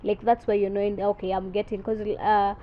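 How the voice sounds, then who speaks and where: She is a young, self-assured content creator from South Sudan, a chatty podcast guest blending English and Swahili in a relaxed interview. Her mid-range voice keeps a level tone and moves a little fast, and the recording is muffled with faint background noise.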